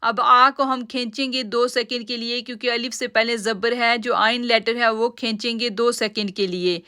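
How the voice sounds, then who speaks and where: A woman teaching recitation rules, her voice bright and crisp, set a little high. She stretches each word out slowly as she demonstrates it, then explains the rule in a calm, measured way. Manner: addresses listeners as sisters. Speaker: tajweed teacher. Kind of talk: online Quran recitation lesson.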